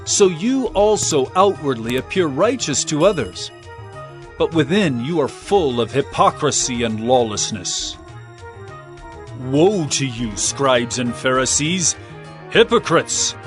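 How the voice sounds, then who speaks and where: An actor playing Jesus as a stern, solemn prophet in a dramatized scripture reading. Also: male voice, mid-range voice, very animated, slow. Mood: scathing, stern. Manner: declamatory, solemn, emphatic. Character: Jesus, male prophet, stern, grieving, authoritative teacher. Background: music.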